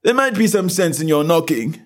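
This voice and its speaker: A man voicing a dull, solemn frog footman who speaks in a slow, unbothered drawl. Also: on the high side, very animated, pitched above the performer's own voice.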